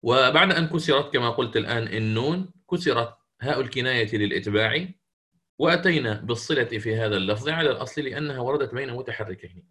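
Man explaining recitation rules, with pauses. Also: mid-range voice, animated, sharp tone. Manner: explanatory, pausing often with drawn-out fillers; demonstrates recitation slowly and melodiously. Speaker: Quran recitation teacher. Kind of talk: recorded lesson on recitation rules.

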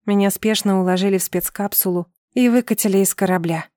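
A woman narrating an audiobook in the first person with lively, expressive storytelling. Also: medium pitch, fairly quick, no echo, clean studio sound.

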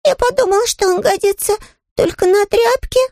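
A woman's voice: very high-pitched, moderate pace, vocal fry, a little mellow, no room sound, clean studio sound, voice pushed up. A woman voicing Paddington, a small polite young male bear who stammers and hesitates. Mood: earnest.

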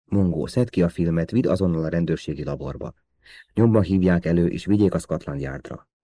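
Man reading brisk male intelligence officer, commanding, low voice, mellow tone. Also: no echo. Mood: urgent. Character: male British intelligence officer giving orders.

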